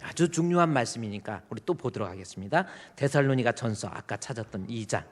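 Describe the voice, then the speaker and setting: A man preaching a sermon as pastor. He shifts from quiet asides to loud, emphatic exhortation and acts out a pastor admonishing church members. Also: medium pitch, expressive, quick pace, long reverb tail. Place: church sanctuary.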